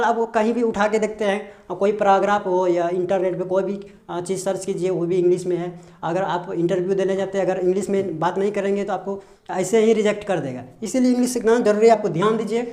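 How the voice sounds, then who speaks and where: High-voiced hesitant male tutor. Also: fairly even intonation, dark tone. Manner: hesitant, many drawn-out filler sounds, repeats himself. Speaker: English pronunciation teacher. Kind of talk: explaining a lesson in Hindi.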